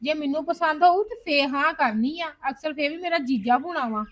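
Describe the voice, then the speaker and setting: A woman plays a younger sister in a homemade family drama. She talks high and quick. She teases her elder sister and tattles to their mother. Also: distant mic. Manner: teasing, tattling chatter.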